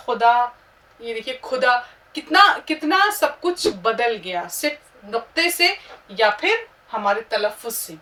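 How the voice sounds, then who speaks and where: A woman teacher spells each word slowly and patiently, letter by letter, for her learners. Her voice is bright and sits a little high. She sounds set back from the microphone. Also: far from the mic, slight background noise. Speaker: Urdu teacher.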